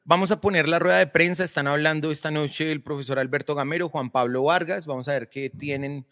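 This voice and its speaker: A man's voice: on the high side, fairly even intonation, fairly quick, fairly bright tone, in a large hall. A man hosting a football talk show, speaking casually and hesitantly with many fillers. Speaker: sports show host.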